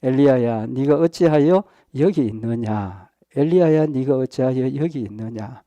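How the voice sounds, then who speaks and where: Male pastor doing a calm patient god voice, slow deliberate questions, mellow warm tone, dry sound. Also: mid-range voice, no echo, dull audio, close to an everyday voice. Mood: gently questioning. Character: patient divine male voice calling a weary prophet.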